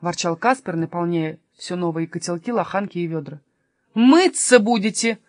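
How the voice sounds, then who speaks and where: A woman narrating a children's story in an expressive, animated reading. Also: on the low side, brisk, dry recording, studio quality.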